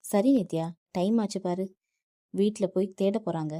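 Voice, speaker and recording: A soft-spoken father calms his crying daughter with patient, tender words. A woman reads him in a mellow, dry audiobook voice. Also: medium pitch, a little slow, no echo, close to an everyday voice. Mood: gentle reassuring. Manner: calm, reassuring. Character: middle-aged man, gentle soothing father.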